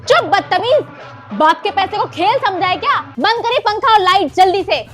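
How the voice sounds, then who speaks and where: A woman's voice: extremely high pitch, expressive, normal speed, soft background music. A woman voicing a stern middle-aged father who scolds and mocks sarcastically in a comedy sketch. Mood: scolding. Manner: scolding, sarcastic, shouting orders.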